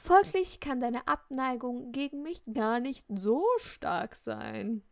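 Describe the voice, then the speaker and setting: A smug, cocky teenage boy, as a woman reads him out, tosses off self-satisfied teasing in a fairly high voice. The recording is dry and close, with no room around the voice. It is a reading of a novel. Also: expressive, takes it slowly, creaky, dry recording, heavily acted.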